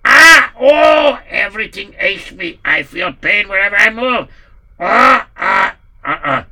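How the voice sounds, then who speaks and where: Pompous drunken landowner, loud, bright and lively, put on by a male storyteller. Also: high-pitched, slow pace, voice pushed up, heavily acted. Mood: groaning. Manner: loud, groaning, bellowing.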